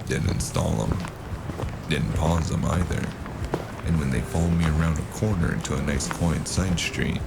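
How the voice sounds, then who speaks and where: In a noir audio drama, a man voices a weary, wry, hard-boiled cyberpunk hired gun who narrates his own story in first person and speaks dialogue. His extremely low voice is heavy with vocal fry, dry and deadpan, backed by plucked guitar.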